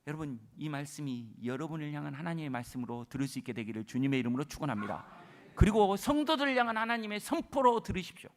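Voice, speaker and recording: A male pastor delivering a sermon, moving between booming proclamation and soft whispers. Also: big pitch swings, fast talker. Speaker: senior pastor.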